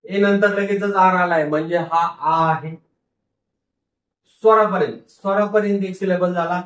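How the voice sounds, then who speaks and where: Male teacher, phonics lesson, repeats each word, high-pitched, roomy echo. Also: fairly even intonation, fairly bright tone. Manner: sounds words out slowly syllable by syllable, then repeats them; asks the class questions and answers them himself. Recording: roomy echo, mic far off.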